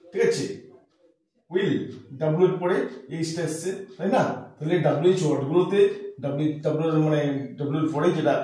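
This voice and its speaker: A man's voice: fairly high pitch, warm tone, recorded from a distance. Man teaching in an echoey room. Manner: spells words letter by letter and repeats them, asks checking questions. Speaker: English teacher. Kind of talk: pronunciation lesson.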